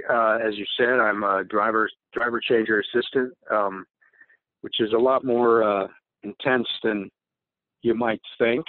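A man's voice: fairly low pitch, dry recording. A man, a race team mechanic, talking as a podcast guest over a remote call, answering with many fillers and restarts. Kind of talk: casual interview answers. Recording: tinny phone line.

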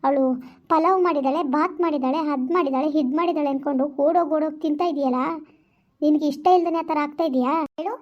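A woman plays a jealous young woman scolding her lover in a rural vlog skit, reproachful and fast-talking. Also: muffled recording, natural voice. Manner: reproachful, quick and high-pitched. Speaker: amateur skit actor. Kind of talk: village vlog skit acting.

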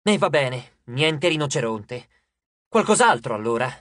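A man voicing a clumsy but brave teenage demigod boy who shouts urgent warnings to his friends. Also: mid-range voice, big pitch swings, a little slow, no room sound, studio quality, pitched below the performer's own voice.

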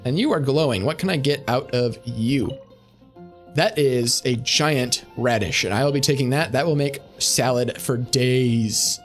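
A man's voice: medium pitch, a little slow, faint music behind. A young man streaming a game, rambling with sarcastic asides. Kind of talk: casual gameplay commentary.

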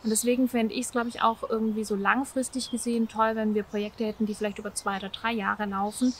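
A woman's voice: on the high side, quick pace, slight background noise. Chatty thirties woman on a park bench. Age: 30s. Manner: relaxed, chatty, hedging fillers. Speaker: volunteer project organizer. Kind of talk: interview answers to camera. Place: outdoors on a park bench by a meadow.

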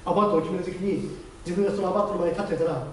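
High-voiced, fast-talking man preaching in an echoey hall. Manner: lively storytelling, acting out quoted voices. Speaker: pastor. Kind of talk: testimony sermon. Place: church chapel. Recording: very echoey hall, distant mic, faint noise.

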